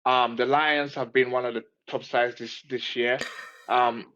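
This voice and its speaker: A man's voice: medium pitch, flat delivery, measured pace, fairly bright tone. Easygoing man on a muffled line. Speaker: podcast co-host. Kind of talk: casual sports chat. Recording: slightly dull lo-fi sound.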